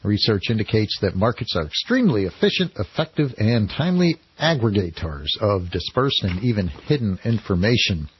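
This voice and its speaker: An American man with a husky voice hosting radio talk in a loose, halting, informal way. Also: fairly low pitch, big pitch swings, no room sound. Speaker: fill-in radio talk host. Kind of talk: loose, ad-libbed radio talk with read-out news. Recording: dry, dull lo-fi radio broadcast.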